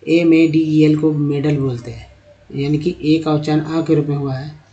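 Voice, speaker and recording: A man teaching beginners to read, spelling out letters slowly and repeating each word. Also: fairly high pitch, level tone, dark tone, highs cut off. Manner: addresses viewers as friends, asks and answers his own questions. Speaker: English reading teacher. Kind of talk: explanatory lesson for beginners.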